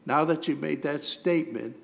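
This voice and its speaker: Gravelly man speaking formally. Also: on the high side. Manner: measured, formal, explanatory. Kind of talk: formal meeting remarks. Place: town police commission meeting room.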